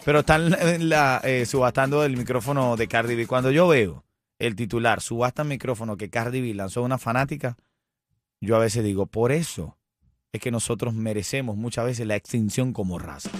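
A man's voice: medium pitch, fairly quick, no echo. A man hosting a morning radio show, joking and hyping the station with lots of energy. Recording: radio studio with music bed.

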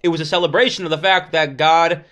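Man, high voice, Talmud teacher, reads then translates, asks and answers questions. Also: fairly even intonation, fast, a bit bright. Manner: explanatory, stop-and-start, poses questions and answers them. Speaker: religious teacher giving a Talmud class.

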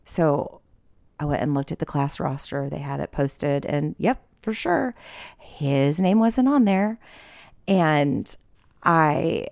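A woman's voice: sits low, lively intonation, takes it slowly, vocal fry, a little mellow, dry recording, studio quality. A middle-aged woman hosting a podcast, telling a personal story in a casual, emotional way, laughing and sometimes dropping to a whisper. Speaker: podcast host.

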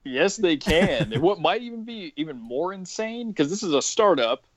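A man's voice: high voice, very animated, fairly quick, dry recording. A man co-hosting a podcast, reading a news story aloud and then commenting on it in casual chat. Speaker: podcast co-host.

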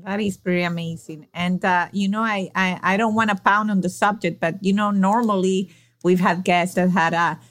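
A woman hosting an interview podcast, her voice at a typical mid pitch for a woman. She leads the talk with curious, inviting questions and an easy conversational flow. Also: fairly even intonation, moderate pace. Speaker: podcast host.

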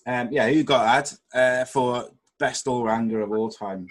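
A man's voice: mid-range voice, fairly even intonation, measured pace. A man from Wales hosting a podcast in casual, teasing, matey sports chat. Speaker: podcast host.

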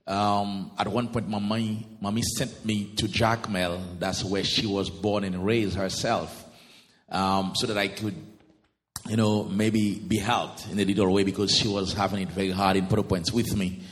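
Haitian man, unhurried church testimony. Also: lowish voice, little pitch movement, in a large hall. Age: 30s. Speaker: guest pastor.

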